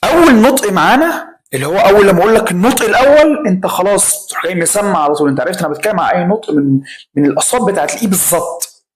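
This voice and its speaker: A man's voice: sits high, racing. A man with an Egyptian Arabic accent, teaching an English pronunciation lesson and repeating sounds as drills for the viewer. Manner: lively, drills sounds by repetition, addresses viewer directly. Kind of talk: online lesson.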